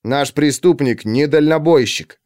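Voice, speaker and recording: A man's voice: a little high, a little slow, a little mellow, close to an everyday voice. A man voicing a heated, defiant police captain in an audiobook reading. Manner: hot-tempered, defiant.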